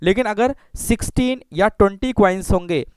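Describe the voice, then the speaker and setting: A man teaching a maths lesson. He explains slowly, repeats himself and keeps checking in with "okay" and rhetorical questions. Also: high-pitched, clean tone, no echo. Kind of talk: classroom lecture.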